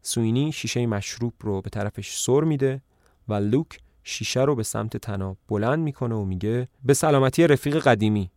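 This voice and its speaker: A man narrating and retelling a play for a storytelling podcast in a calm, even manner. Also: fairly low pitch, dry recording, clean studio sound.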